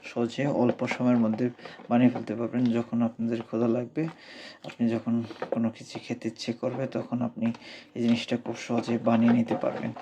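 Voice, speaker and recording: A man with a Sylheti Bengali accent talks through a home cooking vlog in a hushed, low-key voice. His voice is cracking from a cold, and his pitch stays flat and even. A faint hiss sits behind him. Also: quick pace. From Bangladesh. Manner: speaks softly, hushed at night. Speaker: cooking vlogger. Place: home kitchen abroad.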